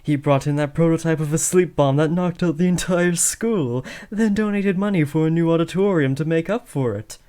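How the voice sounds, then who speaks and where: In a scripted roleplay aimed at the listener, a young man with a fairly high, dark, everyday-sounding voice plays a villain's teenage son who is playing at kidnapping. He speaks at a moderate pace with few pauses, taunting theatrically and boastfully, then slips into sheepish, casual talk that shows the character is cocky but awkward.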